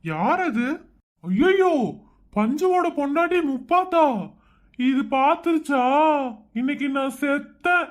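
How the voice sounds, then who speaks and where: This is a cartoon husband caught in a lie, as a woman plays him, flustered and full of excuses. The voice sits high for a man. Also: lively intonation, slow pace, long pauses. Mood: nervous, defensive. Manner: nervous, flustered, making excuses. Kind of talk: cartoon voice acting.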